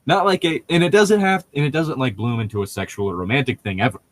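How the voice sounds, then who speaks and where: This podcast co-host speaks quickly in a mid-range voice while discussing a book. He chats loosely and jokingly, wandering off on tangents and correcting himself along the way.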